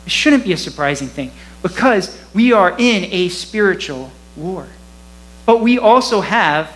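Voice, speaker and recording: A man with a rather high voice delivers a sermon from the pulpit. He talks in a loose, conversational way, chuckling now and then. There's a faint hum under his voice. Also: poor audio. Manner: conversational, animated, laughs often. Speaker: pastor. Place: church.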